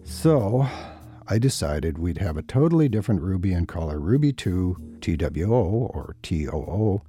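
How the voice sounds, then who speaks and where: A man's voice: deep voice, big pitch swings, normal speed, mellow. A man narrating a scripted podcast as its host, in a wry, self-deprecating storytelling manner. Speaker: podcast host and series writer-producer. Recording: music behind the voice.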